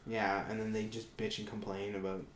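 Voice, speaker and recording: A man's voice: fairly low pitch, little pitch movement, fairly quick, roomy sound. A man chatting casually, telling stories animatedly, acting out quotes and swearing freely. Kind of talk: casual chat.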